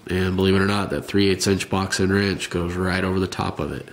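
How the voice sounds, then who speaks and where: A man's voice: low voice, level tone, fairly quick, a little hiss or hum. A man with a nasal voice giving a casual, rambling how-to demonstration of his hobby work, with plenty of fillers. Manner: rambling, plain-spoken, many fillers. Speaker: hobbyist showing a rifle customization.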